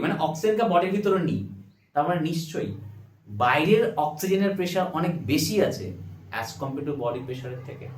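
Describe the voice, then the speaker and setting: A man teaching biology at a board, firing questions at the class and answering them himself. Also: high-pitched. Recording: roomy echo, mic at a distance.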